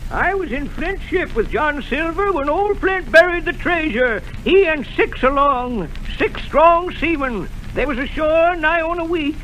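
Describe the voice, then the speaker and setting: Ben Gunn, high wild castaway. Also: male voice, heavily acted, rough recording. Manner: excitable, sudden whoops and cries. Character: wild-eyed old male castaway, jittery and cunning. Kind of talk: 1930s radio drama acting. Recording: old radio broadcast with faint hiss.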